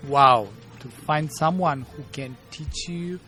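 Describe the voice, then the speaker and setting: A martial arts teacher in his fifties, a guest with a Bulgarian accent, tells stories in an interview in a fairly high, sharp voice. He halts often to search for the English words, while faint music plays in the background.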